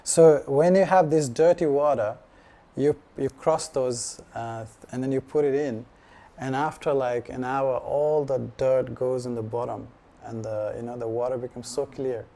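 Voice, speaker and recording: Mellow-voiced man, halting and casual. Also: medium pitch. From Nepal. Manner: relaxed and halting, full of 'you know' fillers. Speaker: devotee sharing his practice at a gathering. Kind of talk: casual personal testimony.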